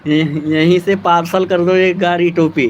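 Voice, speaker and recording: A man's voice: high-pitched, flat delivery, a little slow, highs cut off, slight background noise. A man hosting a casual live stream, chatting with viewers by name, teasing them and thanking them for their support.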